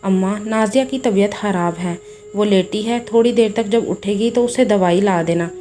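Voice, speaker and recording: A woman doing a calm young husband. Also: medium pitch, normal speed, faint music behind, close to an everyday voice. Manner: calm, reassuring.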